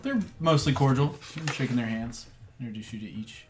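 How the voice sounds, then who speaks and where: A man's voice: mid-range voice, brisk, noisy background. Dry, casual man running a tabletop game. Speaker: game master.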